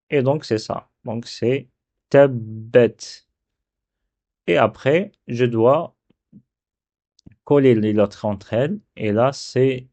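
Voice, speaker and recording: Slow, patient male teacher. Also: medium pitch, a little mellow. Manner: slow, repeats syllables aloud. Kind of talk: step-by-step lesson on writing Arabic letters.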